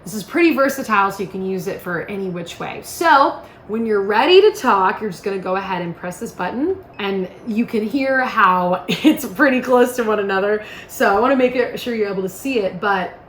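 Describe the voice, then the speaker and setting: A woman demonstrates a product in a roomy, echoing space with faint background noise, sounding like a chatty instructor guiding each step. Her middle-pitched voice is casual, lively, a bit bright and brisk, with few pauses.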